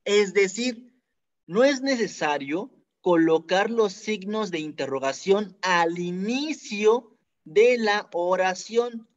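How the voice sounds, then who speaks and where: A teacher talks through a grammar lesson very slowly, laying out each rule and then working through examples one step at a time. The voice sits in a middle register, and the recording sounds dull and lo-fi. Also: medium pitch, animated. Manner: careful, repetitive explaining with worked examples.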